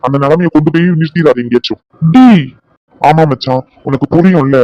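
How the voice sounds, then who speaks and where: A man voicing a blunt young doctor who scolds and teases his friend in a cartoon drama, talking in brisk bursts. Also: a little high, warm tone, no echo, dull audio, natural voice. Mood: lecturing.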